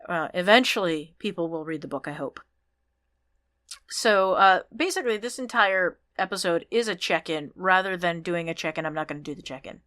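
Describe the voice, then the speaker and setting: A woman hosting her own podcast, chatting casually and upbeat through thanks and shout-outs, with ums and restarts. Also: fairly low pitch, moderate pace, dry recording, clean studio sound. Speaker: podcast host.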